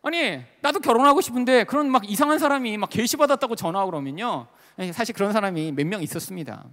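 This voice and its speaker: A man preaching a sermon as a pastor, telling a personal story with animated, emotional delivery and lots of fillers. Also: high-pitched, fast talker. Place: large worship hall at a retreat. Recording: long reverb of a large hall.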